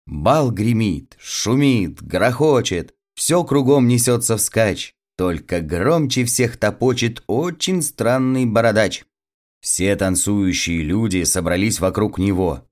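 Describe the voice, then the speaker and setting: A man reading children's poems aloud in a playful, rhythmic way, raising his voice for the children's shouts. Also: fairly low pitch. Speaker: audiobook narrator.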